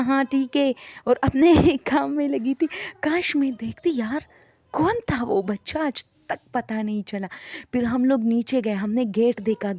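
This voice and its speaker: Gravelly-voiced woman retelling a ghost story. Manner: conversational, many fillers, addresses listeners as friends; drops to a hushed low voice for eerie parts.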